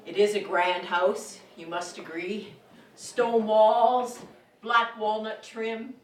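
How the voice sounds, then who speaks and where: Echoing and a little far off, a woman acting as a proud lady of an old manor speaks very slowly. She is formal and deliberate, like a theatrical ghost tour monologue. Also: mid-range voice, steady tone, lightly acted. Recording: roomy, echoing, distant mic.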